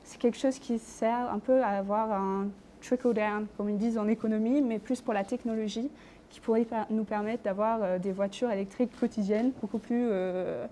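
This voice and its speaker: A young Australian woman answers questions as a candidate in an admissions interview, sounding hesitant with many fillers and self-corrections. Her voice is mellow and medium-pitched, with a steady tone at normal speed, and there is slight background noise.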